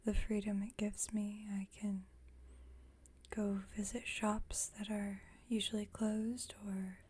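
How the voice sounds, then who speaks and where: A soft, breathy whisper carries this woman's performance as an ancient female vampire roommate in ASMR roleplay, calm and quietly witty. Her pitch sits mid-range, her pace is slow, and she phrases things gently and somewhat formally, with a calm, reflective feel.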